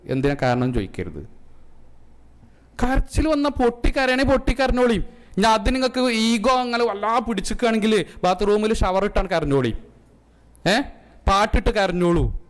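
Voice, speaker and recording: A man with a Malayali accent teaching an emotional intelligence class, questioning the audience and joking. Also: on the high side. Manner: asks the audience questions and jokes. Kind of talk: interactive classroom lecture. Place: community centre classroom.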